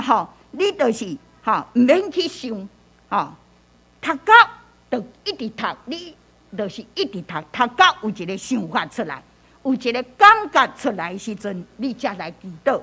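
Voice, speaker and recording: A woman leads a church Bible-reading lesson in a high, bright-pitched voice. Her pitch swings widely as she teaches. She repeats phrases, tags many lines with a soft "hoh", and leans hard on key words when reading verses aloud. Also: very animated, normal speed, slightly rough. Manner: repetitive, peppers speech with "hoh"; reads scripture aloud with emphasis.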